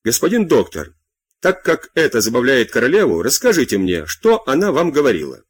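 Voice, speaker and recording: Stubborn middle-aged king, audiobook, male reader, husky and dry. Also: medium pitch, huge pitch swings, brisk, no room sound. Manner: stubborn, mildly teasing.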